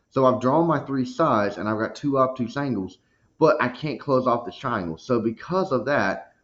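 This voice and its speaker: A man teaching a recorded math lesson, walking through each step and checking in with a frequent "okay?". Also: mid-range voice. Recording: dull lo-fi recording.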